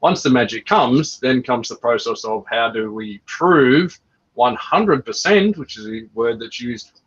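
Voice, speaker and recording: A man's voice: medium pitch, lively intonation, a little slow, husky. A man hosting a casual reptile livestream, teasing his co-host with jokey banter. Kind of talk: casual chat. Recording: dull lo-fi audio.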